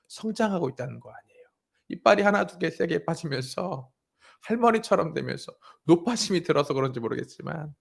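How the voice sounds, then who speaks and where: A man's voice: sits high, creaky. A man in his thirties preaching a sermon as pastor, addressing the congregation directly and telling a family story. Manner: storytelling, acting out his crying daughter's voice.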